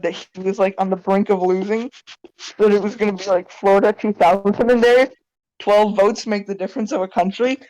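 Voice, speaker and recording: A woman co-hosting a casual podcast chat, animated and blunt, swearing freely. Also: mid-range voice, no room sound, poor audio. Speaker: podcast co-host.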